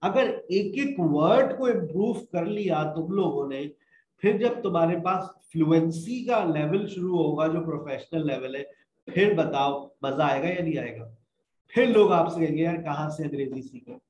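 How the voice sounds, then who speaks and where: A man with a fairly high voice teaches spoken English at a slow, unhurried pace. He explains patiently and mixes English phrases into his lesson. He is recorded in an echoey room with faint background noise. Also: expressive, darkish tone. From Pakistan.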